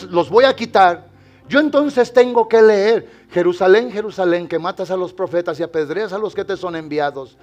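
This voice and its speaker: A man pastor preaching a sermon, dropping to hushed tones and then rising to loud, exclaiming passages while addressing the congregation directly. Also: high-pitched.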